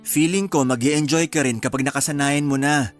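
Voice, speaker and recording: Guy acting as sweet encouraging young husband, voice a bit high, radio drama style. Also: fairly even intonation, normal speed, soft background music, natural voice.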